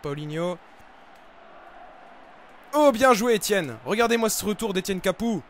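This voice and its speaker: A young man giving live commentary over his football video game, with excitable, frustrated outbursts about his bad luck. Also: sits high, measured pace, slight background noise. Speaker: gaming YouTuber. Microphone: desk microphone.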